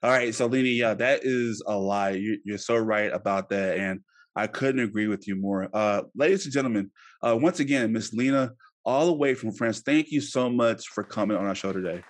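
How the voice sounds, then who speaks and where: A man with a fairly low voice hosts a podcast interview. He talks loosely and chattily, full of "like" and "uh", and turns upbeat when he gives his sign-off plugs. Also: normal speed. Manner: loose and chatty, many fillers and restarts. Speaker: podcast host.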